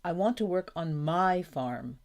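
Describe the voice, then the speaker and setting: A woman reading aloud and voicing a stubborn, weary farmhand father in a storybook, in a firm, flat tone. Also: fairly low pitch, unhurried.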